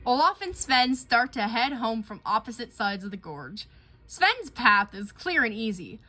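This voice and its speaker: With a voice on the high side and an unhurried pace, a woman reads a children's picture book aloud, telling the story expressively.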